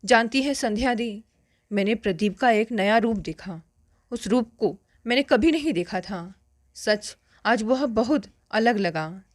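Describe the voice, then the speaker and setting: A woman reading a story aloud and voicing a dreamy, carefree young woman in love, soft, slow and wistful. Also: on the high side, lively intonation, no room sound, studio quality. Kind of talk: first-person story narration.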